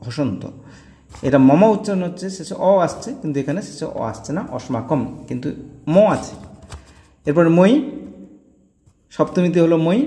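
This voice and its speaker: A man with a fairly high voice explains a grammar lesson, patiently repeating each word ending as a drill. His voice carries a long reverb, as if recorded in a bare, echoing room. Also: dark tone. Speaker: teacher.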